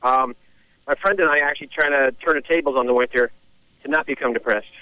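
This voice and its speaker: A man calling in to a radio show, talking casually with many pauses and fillers. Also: mid-range voice, pushed and bright, no room sound, rough recording. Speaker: caller. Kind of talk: casual phone-in chat.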